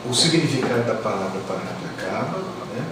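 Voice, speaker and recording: A man's voice: mid-range voice, lively intonation, brisk. A Brazilian man, a local historian, explaining local history in casual conversation. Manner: explanatory, informative. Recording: echoey room, distant mic, background noise.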